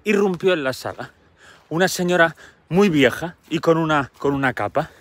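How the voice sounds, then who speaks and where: A man's voice: on the high side, animated, normal speed, no room sound. A man telling a Greek myth in a chatty, slangy, playfully dramatic way. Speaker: storyteller. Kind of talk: comic myth storytelling.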